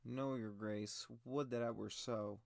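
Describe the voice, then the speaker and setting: A man voicing a timid, frightened older scholar who speaks haltingly and slowly. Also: mid-range voice, fairly even intonation, creaky, dry recording, clean studio sound. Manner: halting, slow and stammering.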